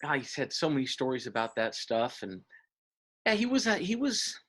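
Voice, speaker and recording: A man, talking as an interview guest and reminiscing in a halting way, with many fillers and restarts. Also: medium pitch, very animated, fairly bright tone. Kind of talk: casual interview.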